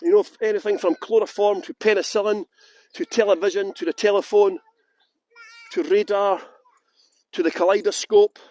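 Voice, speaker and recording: Brief: male tour guide from Yorkshire, fairly high voice, chatty and joking, dry close sound, walking outdoors. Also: moderate pace, pauses often, dry recording. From England (West Yorkshire). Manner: chatty, joking, lively asides. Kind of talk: live-streamed walking tour talk. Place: outdoors in large public gardens.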